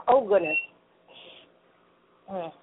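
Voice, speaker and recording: A woman around thirty, co-hosting a casual chat in a relaxed way and laughing easily. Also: mid-range voice, drawn-out words, background noise. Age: 30s. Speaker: podcast co-host. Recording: tinny phone-like line.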